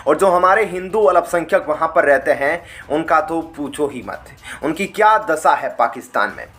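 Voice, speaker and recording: A man's voice: fairly high pitch, animated, normal speed, a bit bright, faint music behind. A man narrating news commentary in an emphatic, dramatic style, often addressing his viewers as friends.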